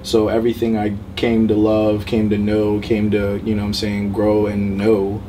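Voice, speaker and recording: Low-voiced young man from Cameroon. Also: moderate pace. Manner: relaxed, rambling, many fillers. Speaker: rapper guest. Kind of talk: casual interview. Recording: distant mic, faint noise.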